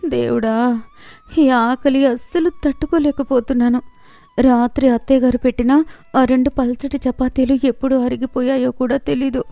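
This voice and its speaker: A woman's voice: high-pitched, steady tone, normal speed, dark tone, no room sound, voice pushed up. A woman voicing a hungry young wife who pleads and complains to herself, fretful and desperate. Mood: hungry, pleading.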